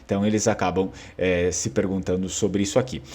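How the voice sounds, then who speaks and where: Husky, low-voiced Brazilian man explaining. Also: little pitch movement, fairly quick, a little mellow. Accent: Brazilian Portuguese. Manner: conversational, checks in with listeners often. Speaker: educator presenting a linguistics article. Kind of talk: informal explainer lecture.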